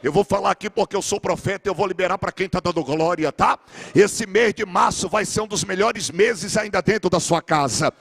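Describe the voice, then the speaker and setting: A Brazilian pastor preaches in a fervent, declamatory style to a church congregation. His voice sits high for a man and carries a gravelly rasp. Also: moderate pace, a bit bright. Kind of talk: Pentecostal sermon. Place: church with a gallery.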